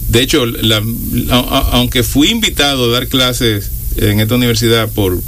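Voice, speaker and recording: A man's voice: mid-range voice, moderate pace, a bit bright, slight background noise. A man from the Dominican Republic with a Dominican Spanish accent, a university lecturer and radio guest, who talks hesitantly with many restarts before emphatic bursts. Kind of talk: radio talk show conversation.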